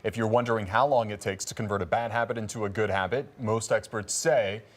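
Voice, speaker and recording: A man anchoring a local newscast, reading a health segment in a measured, reassuring way. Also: on the low side, fairly even intonation. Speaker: news anchor.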